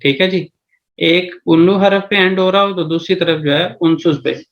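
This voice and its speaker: A man with a Pakistani Urdu accent teaching a language lesson over a video call, explaining step by step and often checking in with his listeners. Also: fairly high pitch. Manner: explains step by step, repeats "theek hai ji".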